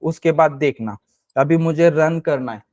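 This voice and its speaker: A man teaching a live programming class. He calls on students by name and repeats each point with quick questions. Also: on the high side, darkish tone, no room sound. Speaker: programming instructor.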